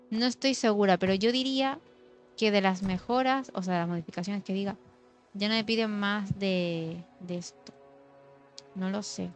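A young woman from chatting casually and muttering to herself while playing a game as a streamer. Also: medium pitch. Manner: chatty, muttering, drops to mock ASMR hush. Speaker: gaming streamer. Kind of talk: casual gameplay chat. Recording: slightly dull sound, faint music.

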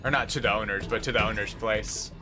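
Fairly quick and steady in tone, this young American man's voice is on the low side. As he plays at a desk indoors, he chats casually and responds to his viewers while faint game music plays.

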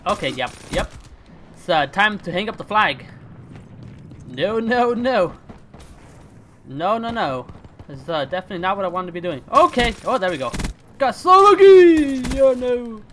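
A young man hosting his gaming channel, chatting casually and reacting out loud as he plays. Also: high-pitched, normal speed, long pauses, a little hiss or hum. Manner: excitable, chatty, swings between hushed focus and loud outbursts. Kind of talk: casual gameplay commentary.

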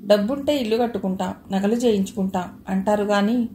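Brief: a woman doing a cheeky young student sister in a storybook, earnest, mellow voice. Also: medium pitch, brisk, echoey room, a little hiss or hum, close to an everyday voice. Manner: playful, earnest.

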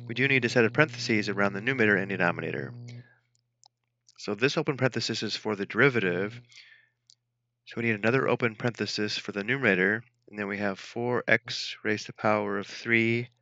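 A man narrating a math tutorial as an instructor, dictating each entry step by step in a measured way. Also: lowish voice, pushed and bright, no echo, muffled recording.

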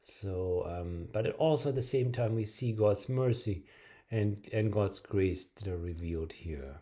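A middle-aged man preaching to a webcam in a small bright room, his voice low and mellow. He pauses often, filling gaps with ums and restarting phrases as he goes. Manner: hesitant, many filler words and restarts. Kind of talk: video sermon to camera.

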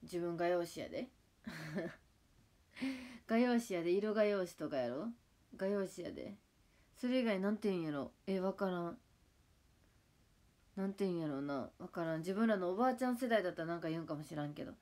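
A woman's voice: fairly low pitch, moderate pace, long pauses. A woman in her twenties speaking with a Kagawa dialect, chatting casually with viewers on a livestream. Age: 20s. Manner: relaxed, chatty, answers viewer comments. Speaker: idol livestream host. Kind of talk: casual livestream chat reading comments.

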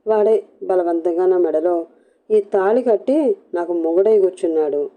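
A woman's voice: on the low side, normal speed, warm tone, natural voice. A woman voicing a scared young woman begging and pleading in a storybook reading. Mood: tearful. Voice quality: pleading, tearful. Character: frightened young woman, begging, fleeing a captor.

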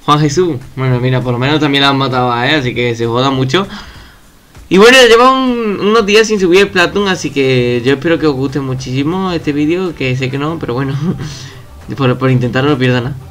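Excitable young gamer, bright voice. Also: male voice, medium pitch, fairly quick. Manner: excitable, swears and shouts at opponents. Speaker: gaming youtuber. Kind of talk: casual gameplay commentary. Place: at home.

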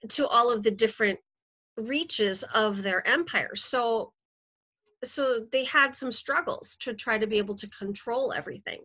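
A woman's voice: medium pitch, pushed and bright. A middle-aged woman teacher giving a recorded history lecture over slides, chatty and full of ums and self-corrections. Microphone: computer mic, screen recording. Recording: slightly dull lo-fi sound.

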